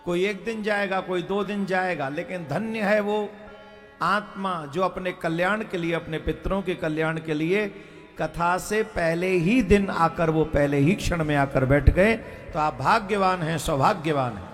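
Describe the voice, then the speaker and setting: Male devotional preacher, unhurried delivery, faint music behind him, big-tent reverb. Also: high-pitched. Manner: earnest, teasing the crowd, calls for responses. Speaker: kathavachak preacher. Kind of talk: devotional sermon to a live crowd.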